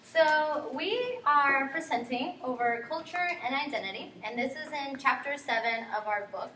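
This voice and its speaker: A young woman from guatemala talks through a class presentation, earnest and sprinkled with ums. her voice sits a little high and comes from across an echoey classroom. faint background hiss. recorded from far off. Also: expressive, moderate pace, pushed and bright. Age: young adult. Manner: earnest, filler-heavy with frequent ums and likes. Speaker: student presenter.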